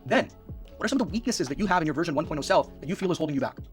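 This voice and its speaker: A young man coaching viewers through a worksheet, energetic and repeating questions to press his points. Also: fairly high pitch, very fast, faint music behind. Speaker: life coach.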